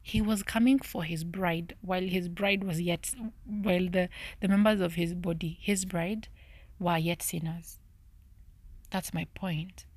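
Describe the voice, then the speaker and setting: Woman musing in a low half-whisper. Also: steady tone, measured pace, darkish tone, dry recording. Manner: searching, self-correcting musing. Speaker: podcast host. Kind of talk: thinking-aloud Bible study.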